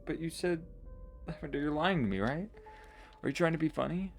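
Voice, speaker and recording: A man's voice: on the high side, animated, fairly quick, vocal fry, faint music behind. A man doing an earnest pleading young boy.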